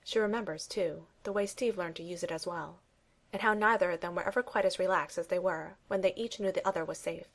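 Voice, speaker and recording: A woman's voice: on the low side, brisk. Woman reading a story aloud. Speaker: narrator. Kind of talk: fan fiction reading.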